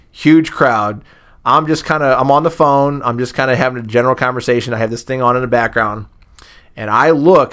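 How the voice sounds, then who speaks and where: A man, a former booster club president, chatting on a podcast and telling lively anecdotes. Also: medium pitch. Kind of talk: casual podcast storytelling.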